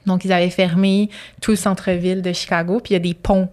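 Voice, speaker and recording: A woman's voice: lowish voice, little pitch movement, quick pace, a little mellow. A woman in her thirties with a Québécois French accent, a surgeon who tells chatty stories in an interview and laughs often. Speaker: colorectal surgeon guest. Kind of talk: casual interview storytelling.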